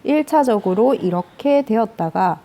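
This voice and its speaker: With a mellow, expressive voice on the high side, a woman delivers a grammar lecture at a measured pace. She goes step by step and answers her own questions.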